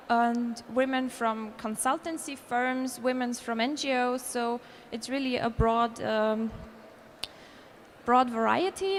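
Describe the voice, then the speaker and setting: A faint hiss or hum sits under the recording as an Austrian woman with a high-pitched voice presents at a conference in a hall. She comes across as earnest, often restarting and fixing her own wording.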